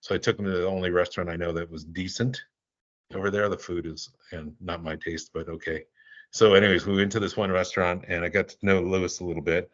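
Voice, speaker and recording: An older man, a guest in an interview, telling stories casually and rambling with halting restarts. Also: low voice, steady tone, highs cut off. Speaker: guest, animal relief volunteer.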